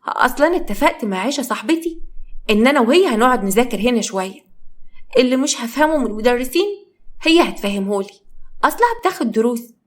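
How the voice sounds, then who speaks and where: A woman voicing a sweet teenage younger sister, soft and reassuring, in an Egyptian accent. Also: a little high, expressive, fast, voice pushed up. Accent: Egyptian Arabic.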